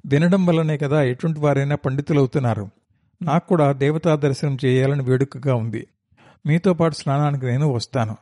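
A sulky young cowherd boy of a storybook, airing his grievances in a complaining, pleading tone, as a male narrator puts him on. His voice is warm and mellow. The sound is dry and close. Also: medium pitch, a little fast, dry recording, close to an everyday voice. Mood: earnest.

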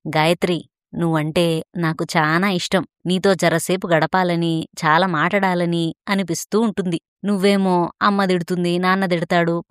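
A woman's voice: lowish voice, smooth, dry recording, clean studio sound, lightly acted. A woman voicing a cocky, pushy young man who speaks. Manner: pushy, impatient, teasing.

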